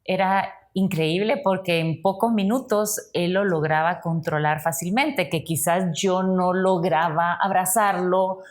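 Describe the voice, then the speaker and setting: A woman's voice: on the low side, steady tone, unhurried, hardly any pauses. A woman with a Guatemalan Spanish accent, a mother and podcast guest telling her story earnestly with frequent fillers. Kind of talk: podcast conversation.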